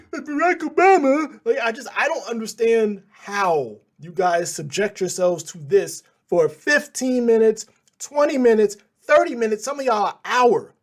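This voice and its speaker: A man hosting a news channel, reacting to clips in a casual, sarcastic and exasperated way. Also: sits high.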